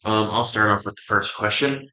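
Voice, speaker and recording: A man's voice: on the low side, steady tone, a little fast, bright, forceful tone. A young man co-hosting a casual podcast chat, joking in an upbeat way. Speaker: podcast co-host. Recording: echoey room.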